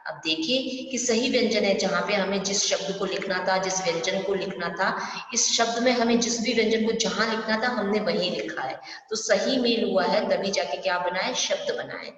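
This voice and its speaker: A woman's voice: mid-range voice, moderate pace, fairly bright tone, a little hiss or hum. A woman teaching an online primary school Hindi class, explaining step by step and often asking her pupils questions. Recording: distant, echoey, dull room recording.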